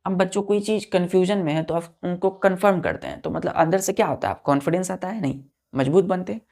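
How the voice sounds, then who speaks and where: A man teaching vocabulary, spelling each word letter by letter, counting aloud and repeating key words slowly for his students. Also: sits high, vocal fry, a little mellow. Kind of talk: vocabulary lesson.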